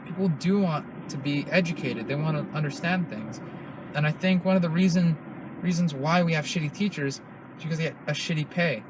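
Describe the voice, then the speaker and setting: A man's voice: fairly high pitch, brisk, background noise. A young man hosting a podcast in casual chat, rambling and cursing with many restarts. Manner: rambling, profane, restarts often. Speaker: podcast host.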